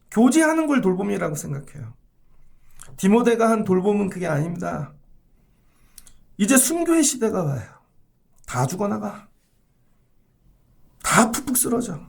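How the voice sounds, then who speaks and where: Gravelly high-voiced preaching man. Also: a little mellow. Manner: emphatic, rhetorical questions to the congregation. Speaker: pastor. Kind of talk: sermon.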